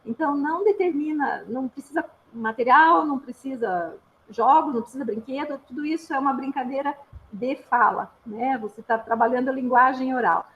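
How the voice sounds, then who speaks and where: A woman's voice: high voice, a little fast, highs cut off, a little hiss or hum. A woman speech therapist with a Brazilian accent, giving an informal, patient explanatory talk with frequent little tag questions. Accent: Brazilian Portuguese.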